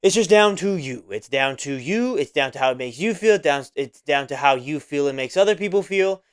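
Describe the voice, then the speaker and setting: Rambling young man with a smooth voice. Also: on the high side, lively intonation, normal speed. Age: 20s. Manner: rambling, repeats himself, many fillers. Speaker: podcast host. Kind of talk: casual solo monologue.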